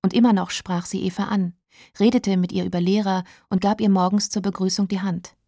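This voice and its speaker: A woman narrating a novel as an audiobook, calm and measured. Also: medium pitch, vocal fry, dry recording, clean studio sound.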